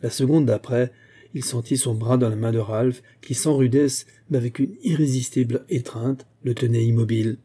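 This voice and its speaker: Dark, husky male narrator. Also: medium pitch, fairly even intonation, moderate pace. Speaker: audiobook reader. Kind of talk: scripted narration of a classic novel.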